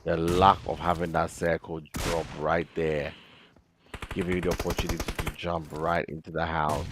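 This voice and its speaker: A man casting an esports match, with sudden loud bursts of excitement. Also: deep voice, normal speed, background noise. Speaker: esports caster. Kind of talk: play-by-play esports commentary.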